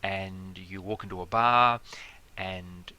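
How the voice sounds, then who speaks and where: Bright-voiced man explaining. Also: low-pitched, steady tone, slow pace, muffled recording. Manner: conversational, many fillers and examples. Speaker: teacher. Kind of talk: explanatory lecture.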